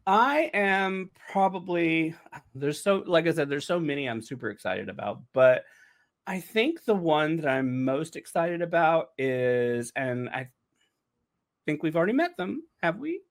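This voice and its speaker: This man, a writer of audio dramas and a podcast host, chats casually and effusively with the other writers on the show. His voice sits a little high and is very animated, his phrasing emphatic, his pace measured.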